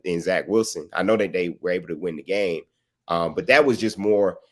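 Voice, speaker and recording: Man, very deep voice, sports talk host, casual, rambling, lots of fillers. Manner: relaxed, filler-heavy, asks long rambling questions.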